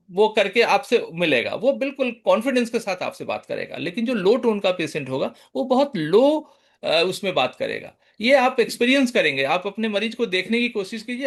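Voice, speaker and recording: A man giving an online lecture, mixing in English terms and acting out how patients talk. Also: high voice. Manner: mixes English terms into explanation; lively, acts out patient speech. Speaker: homeopathy lecturer.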